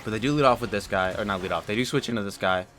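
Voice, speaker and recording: A man giving casual, chatty commentary over his own Pokemon battle from a room at home, relaxed and drowsy after a nap, with lots of fillers and sudden loud excited outbursts. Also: on the low side, rapid-fire, soft background music.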